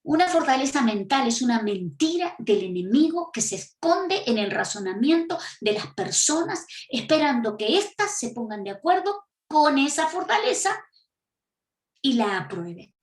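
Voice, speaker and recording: Her voice sits high and sing-song at a normal speed as this Argentine-accented woman preaches a teaching sermon. She is emphatic and asks many rhetorical questions, and the recording is echoey.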